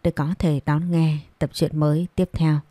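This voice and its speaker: A woman narrates a romance audiobook in a steady, measured way. Her voice is low and mellow. The recording is close and completely dry. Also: dry recording. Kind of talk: storybook narration.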